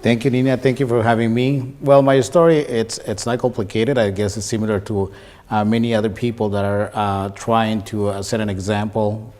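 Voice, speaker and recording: Hesitant man, lowish voice. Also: darkish tone. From Guatemala. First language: Mayan language. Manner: hesitant, many fillers and restarts. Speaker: guest, shoe designer. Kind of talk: interview.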